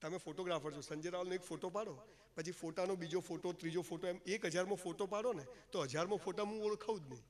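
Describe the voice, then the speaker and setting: A man's voice: sits high, fast talker. A man giving an emphatic, folksy motivational speech to an audience, joking and mixing in English phrases. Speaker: motivational speaker. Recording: long hall reverb.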